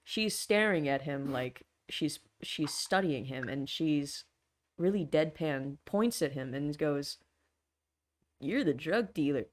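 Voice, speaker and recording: A woman's voice: low-pitched, slow pace. A woman running a tabletop role-playing game as game master, narrating in a casual way. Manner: casual, laughing asides.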